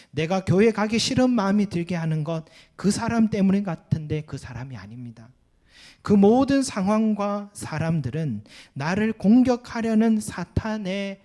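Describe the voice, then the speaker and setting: A male pastor preaching a sermon with earnest emphasis. He rises on key points and drops softly at the ends of sentences. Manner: earnest preaching with rising emphatic peaks and soft low endings; acts out quoted complaints and Bible lines.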